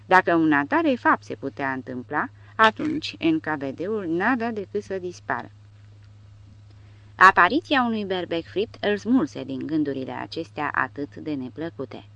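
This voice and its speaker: Rich: A woman narrates an audiobook in a low voice with a steady storytelling delivery. The recording is dull and lo-fi. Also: gravelly.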